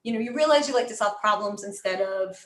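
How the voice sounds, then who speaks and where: A woman's voice: mid-range voice, fast, reverberant. An American woman coaching a live online class, encouraging and chatty, full of "you know" fillers. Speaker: voice and presentation coach.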